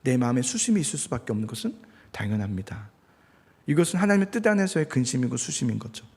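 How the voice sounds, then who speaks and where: Husky guy pastor preaching, pitch jumps all over, echoey church hall. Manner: conversational, acts out angry prayers with sudden shouts. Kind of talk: sermon.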